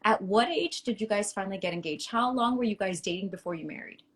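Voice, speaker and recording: A woman's voice: mid-range voice, fast talker. A talkative woman in her forties from Miami hosts a casual podcast interview. She asks long, leading questions in a familiar, friendly way. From Miami, United States. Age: 40s. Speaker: podcast host.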